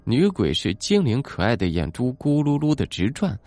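A man narrating a ghost story in a dramatic, expressive way. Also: mid-range voice, moderate pace, dry recording. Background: soft background music.

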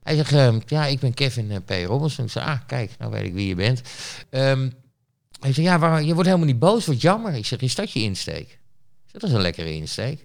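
A man in a casual interview, talking at an ordinary middle pitch. He tells his stories bluntly and rambles, often stopping to restart a sentence or to fill a pause. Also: expressive, vocal fry. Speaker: interview guest, street reporter. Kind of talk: casual storytelling.

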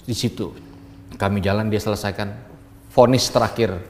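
A middle-aged man from Ambon telling his life story in an earnest, reflective way, growing quieter in the tender moments. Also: fairly low pitch, fairly even intonation, normal speed, in a large hall, a little hiss or hum. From Ambon, Indonesia. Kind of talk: emotional personal storytelling.

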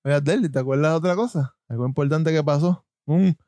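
Joking Puerto Rican man, high-ish voice. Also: brisk, dark tone, no room sound. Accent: Puerto Rican Spanish. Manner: joking, mocking, laughs often. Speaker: podcast co-host. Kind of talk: casual banter.

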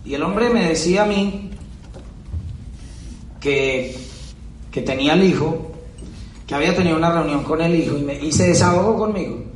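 Picked up from a distance and echoing around a large hall, a high-voiced man gives an emphatic motivational speech at a business event. He repeats his key lines and fires off rhetorical questions, speaking at normal speed with frequent pauses over a little hiss or hum.

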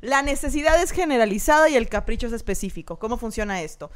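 A woman's voice: fairly high pitch, lively intonation, quick pace. A woman co-hosting a casual chat, joking crudely and bluntly. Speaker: podcast co-host.

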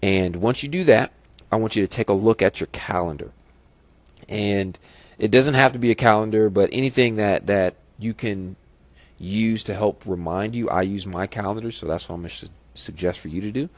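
A man's voice: lowish voice, normal speed, no room sound. A man hosting a casual solo podcast, nasal from a stuffy nose, giving encouraging, instructive advice straight to the listener. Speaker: podcast host.

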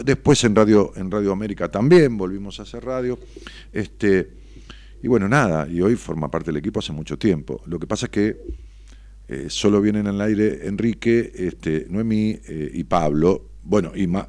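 A man with a Rioplatense Spanish accent, a psychologist hosting a late-night radio show, talking in an animated way with rhetorical questions and fillers. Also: low-pitched, dry recording.

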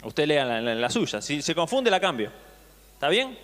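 A man's voice: fairly high pitch, big pitch swings, normal speed, fairly bright tone. A male pastor preaching a sermon, reading scripture aloud and retelling it with acted voices, often asking the congregation questions. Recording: long hall reverb.

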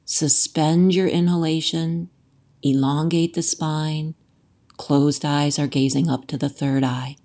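A woman with a low-pitched voice teaches yoga and breathing. Her delivery is very slow and gentle. She gives measured, soothing instructions in short phrases with pauses between them. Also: fairly even intonation.

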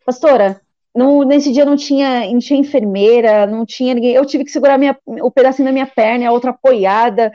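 A woman with a high, dark-toned voice tells a personal testimony at a rapid pace. She is animated and acts out the voices of others. The sound is dry and somewhat muffled. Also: no echo. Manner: animated, acts out quoted voices and prays aloud. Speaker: guest giving a testimony.

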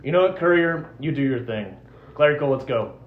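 A man playing a tabletop game, jumping between joking table talk and loud in-character lines. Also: mid-range voice, lively intonation, a little fast. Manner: boisterous, joking. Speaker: player. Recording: dull roomy recording.

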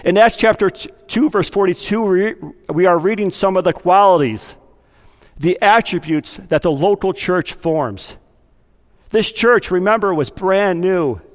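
A pastor preaching to his congregation in a church sanctuary. He has a high voice, and it rings out through a long, echoing hall. He keeps his preaching conversational, putting on little voices for the people he quotes and firing questions at the listeners. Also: a little slow. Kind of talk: sermon.

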